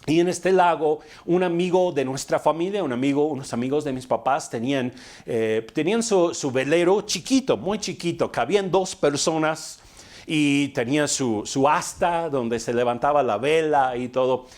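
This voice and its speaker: A man delivers a sermon, telling stories in a relaxed, conversational way. He poses rhetorical questions and pauses on fillers as he goes. His voice sits a little high for a man. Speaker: preacher.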